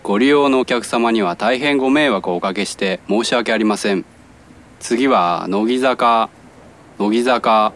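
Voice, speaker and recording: A man's voice: on the low side, a little slow, a bit bright. A man doing a polite subway conductor's train announcement. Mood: formal. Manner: formal, courteous announcer phrasing. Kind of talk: formal train station announcement.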